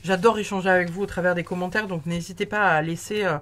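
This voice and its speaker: Woman tarot reader, lowish voice, rambling friendly delivery full of fillers. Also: fairly even intonation, fast talker, slight background noise. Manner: chatty, many fillers and restarts. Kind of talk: casual spoken tarot reading.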